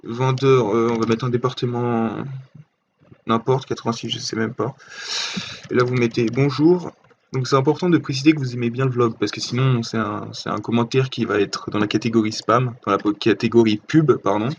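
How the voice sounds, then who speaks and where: A man talks viewers through an online tutorial in a loose, halting way, stopping often for fillers and restarting his sentences. His voice is at a middle pitch. The recording is dull and lo-fi, with a faint hiss underneath. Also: steady tone. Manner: hesitant, many fillers and restarts. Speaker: tutorial host. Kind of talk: casual screen-recorded tutorial.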